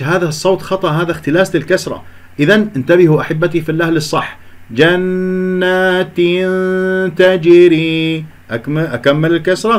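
A man teaching Quran recitation. He explains each letter and sound, recites slowly to demonstrate and corrects common mistakes. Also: on the high side. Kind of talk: recitation lesson with slow demonstrations.

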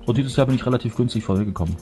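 A man's voice: medium pitch, very fast, warm tone. A man, chatting casually and teasingly while playing a game with friends. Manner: joking, teasing, rambling. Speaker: let's play gamer. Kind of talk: casual gaming banter. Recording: voice chat with faint background music.

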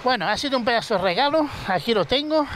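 A man's voice: very high voice, expressive, fast talker, poor audio. A man from southern Spain, chatting casually and telling a story with swearing while riding a motorbike at night, recorded on a helmet camera. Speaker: motovlogger. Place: outdoors on a motorcycle at night, city streets. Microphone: helmet-mounted action camera. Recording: loud street and engine noise. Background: traffic and city street noise.

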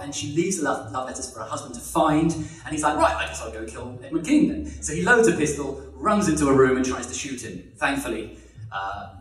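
A man telling a funny history story with lively energy, laughing often and acting out the voices in it. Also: medium pitch. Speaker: podcast guest telling history anecdotes. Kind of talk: comic storytelling. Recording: roomy sound from a distance.

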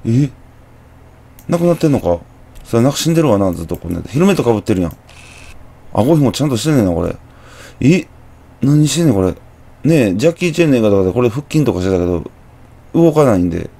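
Gravelly Kansai man narrating a horror game. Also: medium pitch, very animated, quick pace, pauses often, dark tone. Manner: chatty, muttering to himself, jumpy exclamations. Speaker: gameplay commentator. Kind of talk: horror game let's play commentary.

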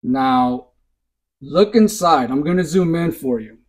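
A man with a fairly high voice talks through a close-up demonstration at his workbench indoors. He keeps pointing things out with short, insistent prompts to look and see. The sound is picked up by a camera mic close to his hands. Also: animated, takes it slowly, poor audio. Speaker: RC hobby channel host.

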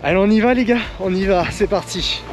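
A young adult travel vlogger holds the camera at arm's length on a snowy, windswept cape, shouting excitedly over the gale to "les gars" about the spot, later filming inside a van at night. His high voice runs a little fast, with music behind it and loud wind noise hitting the mic.

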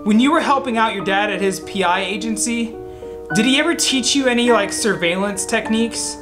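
A man's voice: high-pitched, fairly quick, lightly acted. A man reading a determined teenage girl sleuth. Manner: reading text messages aloud in a plain narrating voice. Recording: music playing loudly behind.

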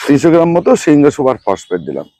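A man's voice: on the high side, big pitch swings, racing, warm tone, no echo. A middle-aged man, hosting a gardening channel, who walks through a fertilizer mix and names and repeats each ingredient and amount as he goes. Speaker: rooftop gardening channel host. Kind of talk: hands-on gardening demonstration.

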